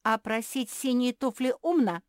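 A woman's voice: mid-range voice, animated, a little slow, a little mellow, dry recording, clean studio sound, pitched above the performer's own voice, lightly acted. A woman voicing a bossy older pug sister who lectures and reproaches in a know-it-all way. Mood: lecturing.

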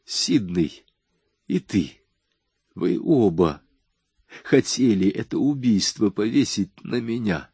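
A man's voice: lowish voice, animated, slow, long pauses, warm tone, slightly rough, dry recording, exaggerated voice. A man reading an audiobook voices a hardened young man who gives curt, commanding orders. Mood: tense. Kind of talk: audiobook dialogue.

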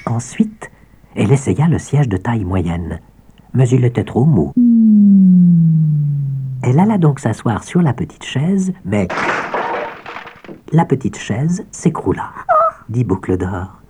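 A man narrating a children's audiobook with expressive storytelling and soft asides. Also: mid-range voice, slow, pauses often, soft background music.

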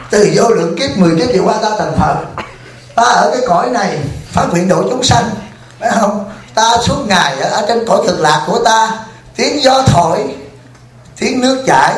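A man voicing the Buddha Amitabha as a weary old male deity who complains with exasperation in an echoey hall. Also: high-pitched. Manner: lamenting, exasperated, half-joking.

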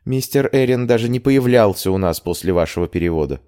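A man's voice: lowish voice, animated, a little fast, warm tone, pitched above the performer's own voice, lightly acted. A man voicing a loyal young maid in an audiobook, chatty and indignant, addressing her mistress deferentially. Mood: reporting.

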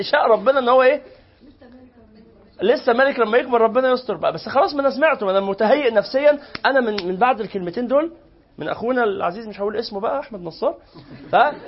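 In a muffled recording, a man whose high voice is husky teaches religion to a live class in an Egyptian Arabic accent. He tells lively stories and acts out both speakers in the dialogue.

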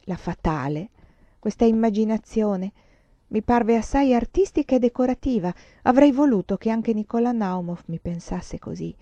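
A woman reading a novel aloud with dramatic expression, slowing down and dropping to near whispers at tense moments. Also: medium pitch, warm tone, no echo, highs cut off. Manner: dramatic, slows and drops to near whispers for tension. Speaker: reader of a novel.

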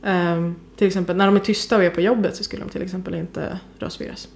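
Thoughtful lower-voiced woman co-host. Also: fairly even intonation, gravelly. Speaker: podcast co-host. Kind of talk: casual discussion.

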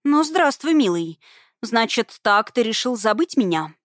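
A woman's voice: a little high, very animated, measured pace, a bit bright, dry recording, clean studio sound. A woman voicing a haughty young ex-fiancée who speaks in an icy, indignant, demanding manner, read as an audiobook character. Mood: mocking.

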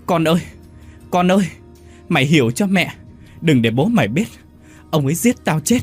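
A sobbing older mother, pleading in a high, strained voice that swings up and down, as a male narrator puts her on. Her tone is slightly husky and close, over faint music. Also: sing-song, moderate pace. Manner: wailing, pleading. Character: grief-stricken older mother, shrill and pleading.

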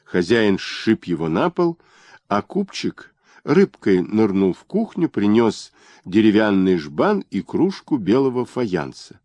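A man reading a historical novel aloud as an audiobook narrator, in expressive, unhurried storytelling. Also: fairly low pitch, no echo.

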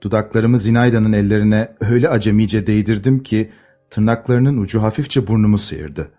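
A man with a fairly low voice reads a literary novel aloud, measured and expressive in his storytelling. A faint bed of music runs underneath the narration. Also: dull audio. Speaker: audiobook narrator.

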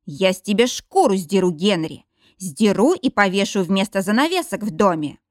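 A woman's voice: medium pitch, big pitch swings, moderate pace, a little mellow, no room sound, clean studio sound, lightly acted. A woman voicing a furious, jealous, heavyset older wife who screams threats and drops into a growling whisper. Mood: enraged.

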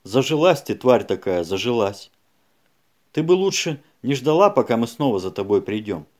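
A man's voice: medium pitch, sing-song, normal speed, a little mellow, lightly acted. A man voicing a vicious woman threatening on an answering-machine tape in an audiobook. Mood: menacing.

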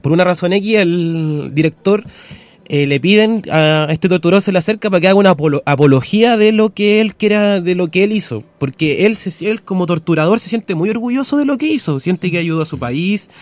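Chilean man, radio co-host, slightly higher voice, stop-start storyteller. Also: animated, a little mellow. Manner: halting, many restarts while retelling a film. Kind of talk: casual radio chat.

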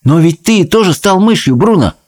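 A sensible young boy turned into a mouse, as a male audiobook reader puts him on, speaking a little higher than the narration. He coaxes calmly with a faintly sly, lively lilt. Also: normal speed. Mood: persuasive. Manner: calm, persuasive, a little sly.

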